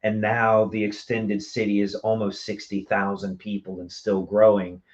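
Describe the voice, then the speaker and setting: Lowish and level at normal speed, the voice of a small theater company's interview guest carries his chatty, enthusiastic talk about his work. He speaks casually and at length during the live interview, and the recording has its highs cut off.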